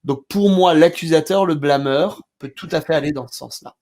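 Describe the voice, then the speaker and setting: French male trainer, slightly high voice, animated storyteller in relaxed talk. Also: moderate pace. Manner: animated storyteller, acts out scenes loudly. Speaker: therapy trainer. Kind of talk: casual discussion between therapists.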